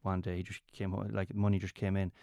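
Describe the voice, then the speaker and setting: This man's low voice is monotone, creaky and dark, with no echo in the recording. An entertainer from County Mayo with a west of Ireland accent, he tells stories casually as an interview guest, halting often and restarting his phrases.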